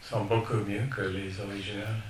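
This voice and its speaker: A man, a poet, speaking at a public talk, slowly searching for his words with many restarts. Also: fairly low pitch, flat delivery. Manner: slow, halting, searching for words. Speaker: poet being interviewed. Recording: roomy, distant, noisy room mic.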